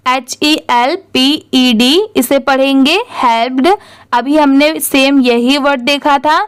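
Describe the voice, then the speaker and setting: A woman teaching English reading, spelling words letter by letter and answering her own questions. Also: high voice. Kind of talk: slow spelling-out lesson.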